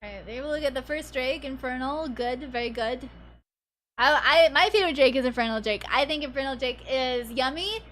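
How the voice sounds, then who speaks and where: A woman's voice: high voice, fairly quick, a bit bright, a little hiss or hum. A young woman from the Pacific Northwest giving chatty, giggly commentary on an esports match, tired from the early hour. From Pacific Northwest, USA. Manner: chatty, giggly, reads chat aloud. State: sleepy early in the day. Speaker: esports co-streamer. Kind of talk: casual game commentary.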